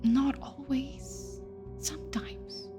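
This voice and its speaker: Brief: woman playing a weary withdrawn young woman, breathy and hesitant, slow. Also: mid-range voice, fairly even intonation, over music, lightly acted. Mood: weary hushed.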